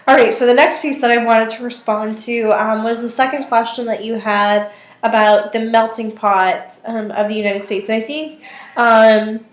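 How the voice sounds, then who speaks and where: A woman's voice: a little high, fairly even intonation, normal speed. A woman in her twenties with a weak, thin voice, talking casually and tentatively as she thinks aloud in a video response. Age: 20s. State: weak voice today. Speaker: student vlogger. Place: small indoor office or study. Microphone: webcam or laptop microphone at arm's length. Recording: roomy, echoey webcam sound.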